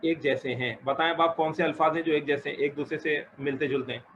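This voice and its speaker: A man's voice: on the high side, steady tone, brisk, fairly bright tone. A man teaching an Arabic grammar lesson to a class, asking questions, explaining rules patiently and encouraging his students. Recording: dull lo-fi recording with faint noise.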